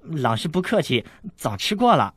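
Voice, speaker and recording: 男声扮演的娇憨少女, 语调活泼起伏, 嗓音略沙哑. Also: male voice, a little high, big pitch swings, moderate pace, a bit bright, husky, exaggerated voice. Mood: earnest. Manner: innocent, earnest. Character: naive young noble girl, sweet and innocent.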